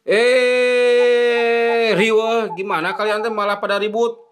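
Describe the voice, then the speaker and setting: A man's voice: fairly high pitch, animated, moderate pace, heavy background noise, natural voice. A man with a Sundanese accent voicing a bossy middle-aged male village official in a motion comic, scolding and giving orders. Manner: scolding, commanding.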